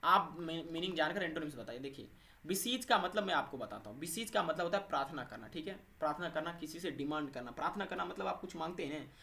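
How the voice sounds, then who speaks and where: A man's voice: fairly high pitch, lively intonation, fast talker, gravelly, sharp tone. A man teaching English vocabulary for exams, asking and answering his own questions and checking in with the viewers after every point. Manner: repeats 'thik hai' and 'doston' after each point, asks and answers his own questions. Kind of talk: exam-prep vocabulary lesson.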